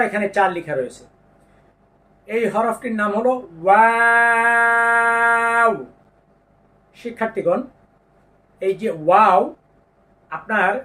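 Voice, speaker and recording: A man teaching Quran pronunciation, patiently explaining each letter and drawing out the sounds slowly. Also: high-pitched, distant mic. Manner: slow drawn-out demonstrations of letter sounds, patient instructions. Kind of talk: step-by-step pronunciation lesson.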